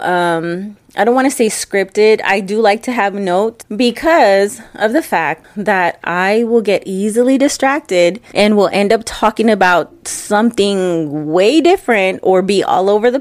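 Hosting a casual solo podcast, a young woman chats in a loose, wandering way while congested from allergies. Her voice is on the low side with no echo. The close microphone picks up her breathing.

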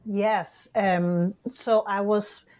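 Slow, thoughtful woman from Puerto Rico. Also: medium pitch, fairly even intonation, darkish tone. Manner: thoughtful, halting, many restarts. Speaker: author and guest. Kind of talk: podcast interview.

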